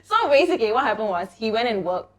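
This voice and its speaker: A woman's voice: a little high, fast. A young adult woman with a Singaporean accent, telling stories in colloquial Singlish in a casual group chat. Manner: colloquial Singlish with sentence particles, animated storytelling.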